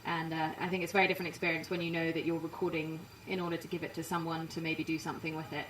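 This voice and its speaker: A woman from England, partly raised in Canada, with an English accent, chatting quickly and self-deprecatingly as a musician being interviewed. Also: low-pitched, level tone, a bit bright, roomy sound, recorded from a distance, slight background noise, rough recording. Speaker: musician guest. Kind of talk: casual interview chat. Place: inside a parked trailer.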